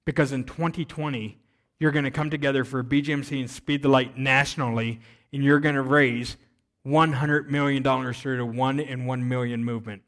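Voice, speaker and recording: Male preacher as God: calm, quiet, certain. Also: mid-range voice, brisk, close to an everyday voice. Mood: commanding.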